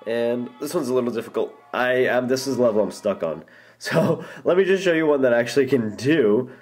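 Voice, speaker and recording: Young male app reviewer, mid-pitched, chatty and rambling, faint game music under him. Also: expressive, brisk, darkish tone. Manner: rambling, enthusiastic, many ums and restarts. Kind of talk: casual gameplay walkthrough. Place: indoor room, filming a phone screen.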